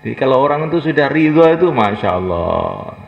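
A man's voice: medium pitch, big pitch swings, brisk, creaky. A man preaching a folksy, humorous sermon, acting out little dialogues and urging listeners to stand. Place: mosque gathering. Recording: echoey hall, lo-fi, faint noise.

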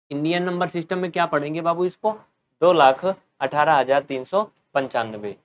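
A man's voice: a little high, highs cut off. A man giving a step-by-step maths lesson at a board, asking his students questions and answering them himself. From North India. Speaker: teacher.

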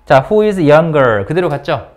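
A man's voice: fairly high pitch, slow. A man teaching an English grammar lesson in a classroom, asking his students question after question and calling on them by name, with English. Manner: lively, coaxing questions to students. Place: academy classroom.

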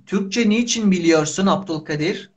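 A man's voice: sits high, normal speed. A man, hosting a casual live language lesson in simple, repeated short phrases. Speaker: Turkish teacher and live host. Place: small indoor room. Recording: dull lo-fi livestream audio.

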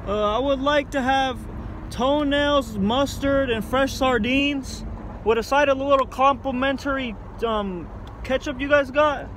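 This young adult man's voice is very high-pitched and a bit bright, delivered at a measured pace as he pranks drive-thru workers. He's inside a parked car at night, captured by a phone held close, with faint noise in the car interior.

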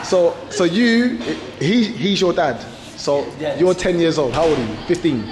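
This English vlogger speaks a little slowly but animatedly in a somewhat high voice, teasing and joking in a busy cafe. He holds an action camera at arm's length, and the cafe adds background noise and long reverb.

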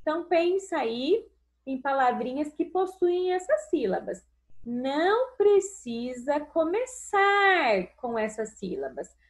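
A Brazilian woman teacher giving a recorded lesson to young children, slow and sing-song, stretching out syllables and calling the pupils "amores". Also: high-pitched, big pitch swings. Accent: Brazilian Portuguese. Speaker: primary school teacher. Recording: dull lo-fi recording.

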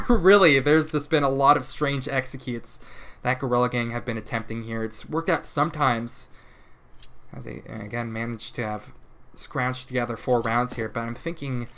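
A man casting a competitive shooter match alone, giving rapid play-by-play that jumps up in pitch and volume at big plays and corrects himself as he goes. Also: fairly bright tone, slight background noise. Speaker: esports caster. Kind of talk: live esports play-by-play commentary.

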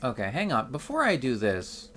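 A man's voice: medium pitch, huge pitch swings, normal speed, a bit bright, slight background noise. A man streaming a video game with casual live commentary, chatting as he plays.

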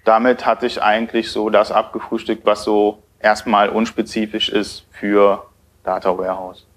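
A man's voice: fairly low pitch, flat delivery, moderate pace. Hesitant man giving a tech talk. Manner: hesitant, many filler sounds. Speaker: conference speaker. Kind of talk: technical conference talk. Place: lecture hall at a podium.

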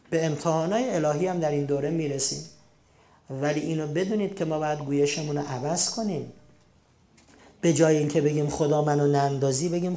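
A man teaching a self-help lesson on a religious TV channel, in a colloquial style, acting out short quoted exchanges and asking rhetorical questions. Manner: lively, acts out little quoted dialogues with big swings in pitch and loudness.

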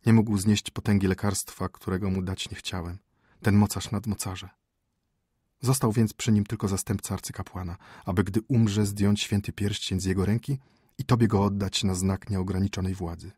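A man voicing a grave old court physician who speaks softly and sorrowfully, close to a whisper. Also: lowish voice, fairly even intonation, normal speed, breathy edge, no echo. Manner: soft, grave, near whisper.

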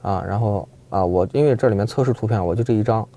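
Fast-talking man reviewing inside a car. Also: on the low side, mellow. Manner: quick, chatty, evaluating sound with fillers. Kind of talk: casual in-car review chat. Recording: music playing in the background.

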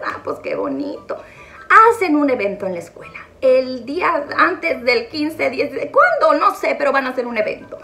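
A woman's voice: high voice, fairly bright tone. A middle-aged woman, rambling chattily with self-mocking asides, recorded on a phone. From northwest Mexico. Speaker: vlogger. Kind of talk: chatty monologue.

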